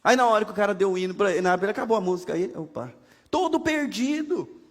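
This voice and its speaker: A man's voice: high-pitched, animated, quick pace. A man with a Brazilian Portuguese accent preaching a sermon as pastor, conversational and humorous, with many rhetorical questions. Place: church sanctuary. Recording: long hall reverb from a church.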